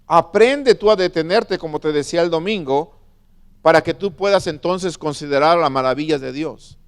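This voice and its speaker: A man preaching a sermon as a pastor, stressing words slowly and asking his listeners questions. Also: fairly high pitch, smooth. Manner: preaching with slow emphatic stresses and questions to the flock.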